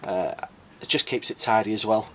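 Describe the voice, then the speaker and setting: A man with a croaky voice, casually explaining a car modification for his vlog, thinking aloud with plenty of uhs and ums. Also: fairly low pitch, moderate pace, a bit bright, slight background noise. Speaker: car modding vlogger.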